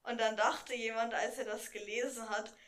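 A woman co-hosting a casual podcast chat, full of questions, quick comebacks and puns. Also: a little high, little pitch movement, a bit bright. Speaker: podcast co-host.

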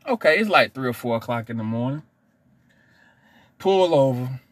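A middle-aged man, chatting casually as a podcast host and telling stories in an animated way. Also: medium pitch, moderate pace, no room sound. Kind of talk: casual storytelling chat.

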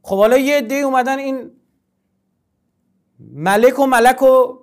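Brief: man with a high speaking voice, formal and insistent guest scholar. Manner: formal, emphatic, lecturing, with many repetitions. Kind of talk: religious studies discussion.

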